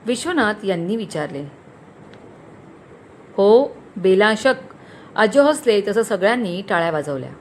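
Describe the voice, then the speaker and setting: A woman storyteller narrating a romantic story in an expressive reading voice. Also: mid-range voice, a little fast, hardly any pauses, slight background noise.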